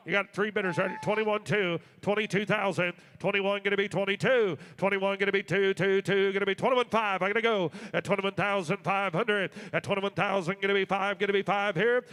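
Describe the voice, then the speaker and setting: A man working as an auctioneer, calling bids in a rapid, repetitive, rolling live chant. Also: high voice, a bit bright, clear, resonant tone. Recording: long hall reverb.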